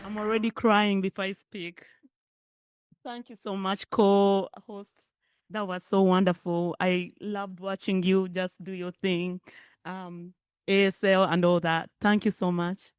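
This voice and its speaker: A middle-aged Ugandan woman gives a keynote in a chatty, conversational way. Her voice is smooth and clear. The sound is dry and close. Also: mid-range voice, little pitch movement, a little slow, dry recording. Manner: warm, conversational, laughs often. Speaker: keynote speaker. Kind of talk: public speech.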